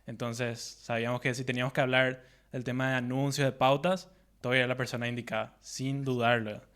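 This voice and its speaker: A man co-hosts a business podcast. His pitch stays quite flat as he chats and sets up questions in an even, conversational way. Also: brisk, clean tone. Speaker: podcast co-host. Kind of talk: podcast interview.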